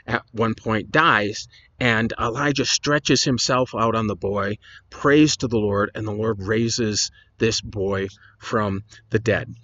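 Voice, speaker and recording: A man's voice: medium pitch, fairly bright tone, no echo, muffled recording. A man, a pastor, retelling Bible stories in a casual, conversational lesson with chatty asides.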